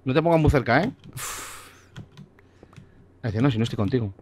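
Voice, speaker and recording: A man's voice: medium pitch, lively intonation, brisk, a little mellow, slight background noise. A man, playing a game with a friend and teasing him with crude, mock-gloomy banter. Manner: teasing, swears freely, dry mock-gloom. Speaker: gamer playing together online. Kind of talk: casual let's-play banter.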